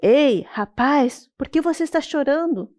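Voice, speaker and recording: A woman's voice: high-pitched, expressive, a little slow, a little mellow, pitched above the performer's own voice. A Brazilian woman voicing a mocking, talkative female turtle in a storybook tale, with a Brazilian Portuguese accent. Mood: teasing. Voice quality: teasing, mocking. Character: cheeky talking singing female turtle.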